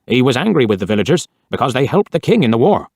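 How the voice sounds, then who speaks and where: A man voicing a wary, grave garage man in a storybook reading, telling a tale slowly and solemnly. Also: mid-range voice, very animated, a little mellow, no echo, studio quality.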